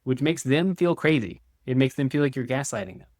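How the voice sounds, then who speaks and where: Calm man teaching couples advice, dry sound. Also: mid-range voice, a little fast, no echo. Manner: calm, instructive, acts out example replies. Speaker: couples counselor. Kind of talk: direct-to-camera teaching video.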